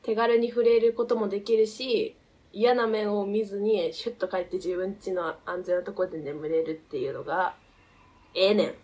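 A woman's voice: medium pitch, fairly even intonation, moderate pace, a little mellow. A young woman of around twenty talks as a guest in a casual chat. She tells stories in a chatty, playful way. Her voice sits in an ordinary middle range. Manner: chatty, playfully tries Kansai phrases.

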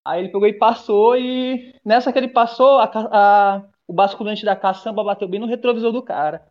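A man's voice: high-pitched, fairly even intonation, brisk, darkish tone, muffled recording. A young man, telling a rambling, profane story to friends over a call, full of restarts. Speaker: guest. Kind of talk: casual storytelling among friends. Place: bathroom, during an online class.

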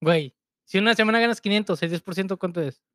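A man's voice: high voice, fast talker, a bit bright, dry recording, studio quality. A young man, co-hosting a casual podcast, joking in slang and asking questions. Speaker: podcast co-host. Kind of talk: casual chat.

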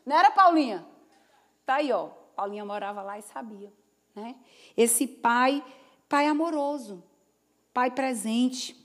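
A woman's voice: a little high, unhurried, long pauses. A woman pastor preaching a sermon to her congregation, telling stories in a folksy, chatty way and calling out for amens. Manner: call-and-response, asking the congregation "Amém?"; folksy, chatty storytelling with asides. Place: church service before a congregation.

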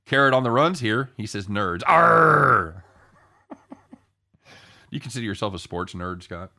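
A man's voice: lowish voice, moderate pace, sharp tone. A man hosting a live sports betting show in casual, jokey banter, irreverent and given to casual swearing.

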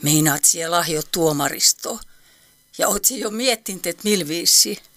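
A woman's voice: on the low side, a bit bright, no room sound, clean studio sound. An actress playing a nosy, fussy elderly woman with an Eastern Finnish dialect in a radio play. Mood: fussing. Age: older.

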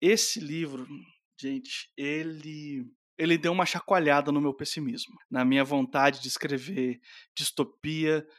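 A Brazilian man co-hosting a podcast, talking calmly and conversationally about his favorite book. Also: on the high side, unhurried, dry recording, clean studio sound. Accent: Brazilian Portuguese. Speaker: podcast co-host. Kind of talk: casual book chat.

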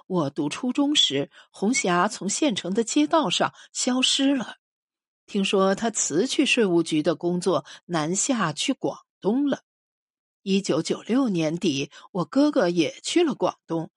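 A woman narrates a literary short story with a slightly husky voice. Her pitch moves freely, rising and falling with the story. The recording is close and dry. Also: dry recording. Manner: expressive, measured storytelling. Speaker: audiobook reader.

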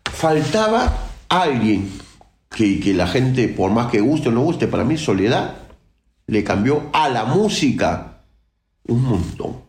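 A man's voice: mid-range voice, darkish tone, roomy sound. A man from Peru, a guest percussionist, talking outspokenly and emphatically in a casual interview, with many restarts.

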